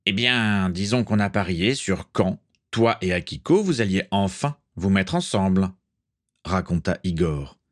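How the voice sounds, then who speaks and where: A man's voice: low voice, animated, unhurried. Man doing a jovial, teasing crewman.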